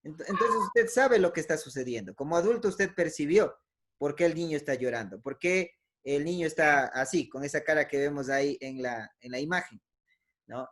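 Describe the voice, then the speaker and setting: Giving a talk on emotions in a conversational teaching style, this man has a fairly high, slightly bright voice and a moderate pace. Frequent "eh" fillers and self-corrections fill his speech, and he often tags phrases with a questioning "¿no?".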